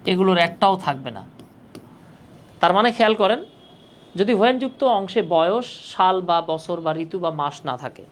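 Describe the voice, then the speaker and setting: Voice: medium pitch, slight background noise. A grammar teacher giving a live online class for job exam prep, patiently repeating points and checking that students follow. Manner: patient, repetitive, keeps checking understanding.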